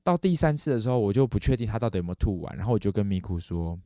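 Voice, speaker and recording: Fast-talking man, storytelling. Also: no room sound, clean studio sound. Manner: animated, acts out quoted voices with big pitch jumps. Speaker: podcast host. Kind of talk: casual storytelling.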